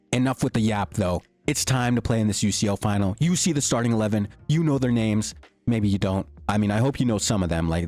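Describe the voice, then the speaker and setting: A young man giving excited, slangy commentary over his own gameplay, his voice starting to go. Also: on the low side, no room sound. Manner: hyped, slangy, swings between joking and shouting. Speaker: gaming YouTuber. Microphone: desktop mic, peaking.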